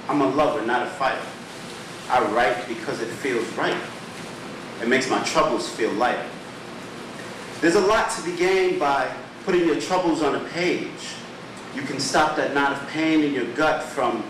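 A man performing his own spoken word poems at an open mic, with a rhythmic, rhyming delivery and dramatic pauses. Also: on the high side. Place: small poetry theater stage. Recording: echoey room, distant mic, background hum.

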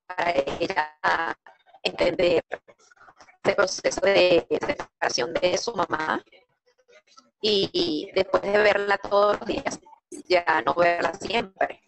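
A woman speaking as an interview guest over a crackly, choppy call connection, soft-spoken and halting, often repeating her words. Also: on the low side, creaky. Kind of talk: casual remote interview. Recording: noisy, crackly remote call line.

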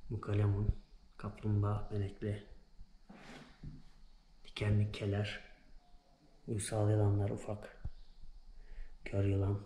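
A man's voice: lowish voice, mellow. A young man vlogging as he walks through a small museum, naming the exhibits one after another in short bursts. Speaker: travel vlogger. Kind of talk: casual guided walkthrough. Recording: echoey room, noisy background.

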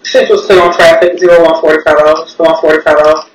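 A man working as a dispatcher, relaying codes and times over a two-way security radio in a steady delivery. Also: fairly high pitch, fast talker. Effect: two-way security radio transmission. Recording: noisy, echoey, distant radio audio.

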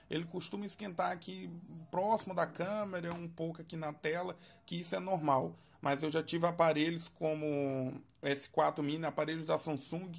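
A man casually reviewing a smartphone for his vlog, talking in a chatty, halting way with frequent tag questions. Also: on the high side, vocal fry. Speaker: tech reviewer.

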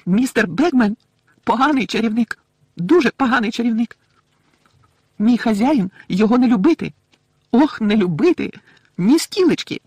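A man voicing a weepy, loyal female house-elf who talks in a shrill voice with broken grammar in an audiobook. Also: lively intonation, normal speed, long pauses, a little mellow, slightly rough, no echo, full character voice. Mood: shrill upset.

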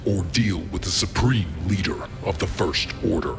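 A man playing a masked, commanding villain in a film parody, speaking slowly and with menace. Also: sits low, music in the background. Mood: menacing. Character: masked male villain, commanding dark warlord. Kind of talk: hobby film parody acting.

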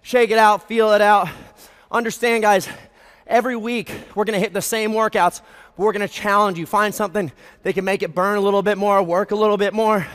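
High-pitched American gym-bro fitness coach, man. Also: little pitch movement, brisk, fairly bright tone, clear, resonant tone. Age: 20s. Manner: gym-bro, hyped, motivational; exerting himself while talking. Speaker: fitness instructor leading a group workout. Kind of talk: workout coaching with cues and countdowns. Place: large brick warehouse gym, indoors. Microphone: headset. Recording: reverberant large hall.

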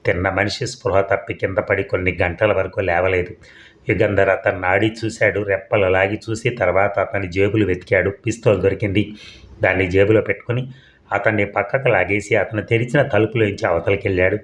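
A male storyteller reading a suspense tale aloud. His voice sits on the low side, and he keeps a steady, measured pace with the odd small slip. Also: a little hiss or hum. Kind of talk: scripted narration of a suspense story.

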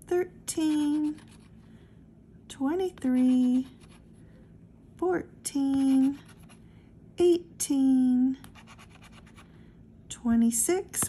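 A woman with a high, soft, mellow voice works through a stack of scratch-off tickets, reading each number aloud very slowly. She talks in an easy, casual way to the camera over her tabletop. Faint room noise sits under her voice. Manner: slow, calls out numbers one by one. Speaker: lottery scratch-off vlogger.

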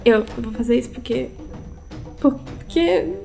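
A woman's voice: a little high, slow, creaky, warm tone. A young woman with a Brazilian accent, chatting casually as a player in a tabletop game. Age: young adult. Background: prominent background music.

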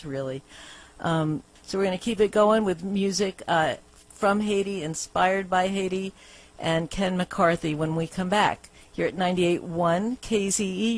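A woman's voice: sits low, rough recording. A woman hosting a radio music show, talking in an upbeat, casual way with fillers and station plugs. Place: radio studio.

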